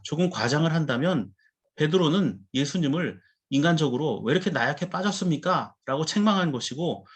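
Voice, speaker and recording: A male pastor preaching a sermon, explaining Bible words and putting questions to the congregation. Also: fairly high pitch.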